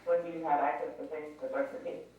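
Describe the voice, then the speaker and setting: A man's voice: fairly high pitch, little pitch movement, quick pace, darkish tone, slight background noise. A man on the outside of a recorded jail phone call, chatty and teasing. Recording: echoey call recording from far off.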